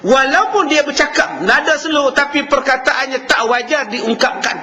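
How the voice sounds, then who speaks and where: A man with a Malaysian Malay accent giving a lively religious lecture, acting out quarrels between husbands and wives. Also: very high voice, normal speed, a little hiss or hum. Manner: animated, acts out quarrels between spouses. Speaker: preacher. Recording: hall reverb with faint ambience.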